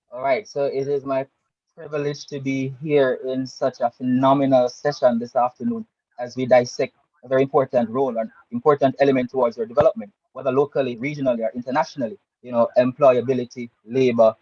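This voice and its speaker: A man speaks formally and wordily as a panelist, in a mid-pitched voice. The call audio is dry and somewhat dull. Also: little pitch movement, a little fast, a little mellow, no room sound. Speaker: panelist, guidance counselor. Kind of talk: formal panel self-introduction.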